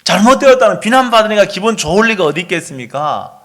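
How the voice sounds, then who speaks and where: A middle-aged male pastor preaching a sermon, animated, often asking the congregation rhetorical questions. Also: sits high, quick pace.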